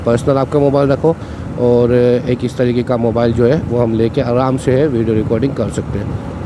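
With a medium-pitched voice, a young man rides a motorcycle through city traffic and vlogs casually, explaining things in a chatty way and repeating "ठीक है". He talks into a cheap wired clip-on mic, so traffic noise from the outdoor ride comes through.

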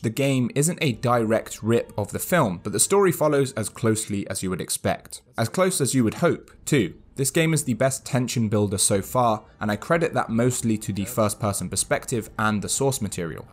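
A man's voice: medium pitch, lively intonation, normal speed, faint music behind. A man narrating a scripted game review in a wry, candid way. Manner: wry, dry, candid, chuckles at his own jokes.

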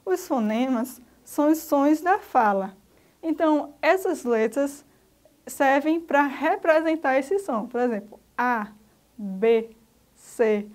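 High-voiced Brazilian teacher, slow and didactic. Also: female voice, animated, darkish tone. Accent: Brazilian Portuguese. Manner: slow, didactic, spells out letters one by one. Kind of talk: recorded grammar lesson for children.

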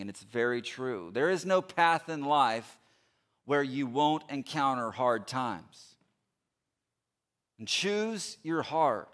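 Middle-aged pastor, headset mic, earnest sermon delivery, repeats phrases, swings between loud and soft. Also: male voice, on the high side. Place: large church stage indoors.

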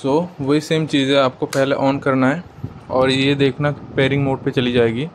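A man's voice: mid-range voice, level tone, normal speed, a little hiss or hum, rough recording. A man giving a casual how-to product demo, chatty and explanatory, talking straight to his viewers. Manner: chatty and explanatory, often addresses the viewers as guys. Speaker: product reviewer.

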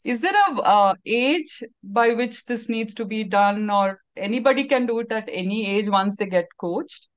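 A woman's voice: fairly high pitch, normal speed, few pauses. A woman hosting an interview, asking questions and affirming often. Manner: asks questions with many short affirmations. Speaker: interview host. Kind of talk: interview conversation.

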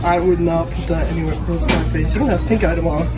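A man's voice: a little high, fairly even intonation, racing. A young man bantering casually with friends in slang, often repeating his phrases. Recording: loud music and crowd noise.

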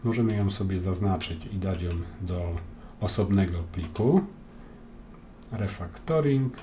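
Calm low-voiced Polish man teaching coding. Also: a little hiss or hum. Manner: calm, explains step by step with frequent "e" hesitations. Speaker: programming tutor. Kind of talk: screen-recorded coding tutorial.

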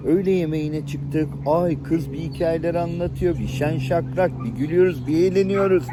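A middle-aged man telling personal stories to the camera in a lively, chatty way, chuckling now and then and acting out the people in them. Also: on the high side, normal speed, noisy background. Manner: lively anecdotal storytelling, chuckles and acts out voices. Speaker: channel host. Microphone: camera-facing, showing viewers things on screen.

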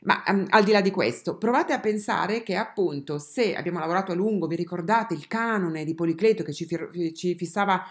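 A woman's voice: on the low side, brisk, hardly any pauses. A woman giving an art history lesson as a voice-over, talking straight to her viewers with many fillers and restarts. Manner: addresses viewers directly.

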